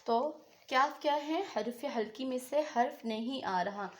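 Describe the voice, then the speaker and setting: A woman's voice: a little high, unhurried, roomy sound. A woman teaching Quran recitation rules in an online lesson. She talks patiently, asks a question and then answers it herself.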